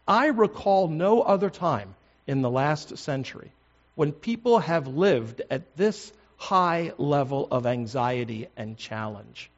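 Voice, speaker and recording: An older man, a pastor, preaching a sermon in a measured, deliberate way, stressing words one by one. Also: on the high side, animated, highs cut off.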